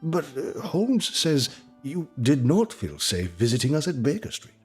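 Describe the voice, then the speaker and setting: A man playing a loyal, kindly Victorian doctor in an audio drama, speaking in a genteel, old-fashioned and expressive way. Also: a little high, a little slow, slightly rough, soft background music, full character voice. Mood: kindly, concerned.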